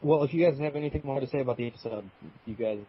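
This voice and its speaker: A man's voice: medium pitch, very fast. A man co-hosting a casual podcast, easygoing, keeping the conversation moving. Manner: easygoing, steers the conversation along. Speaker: podcast co-host. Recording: muffled lo-fi recording.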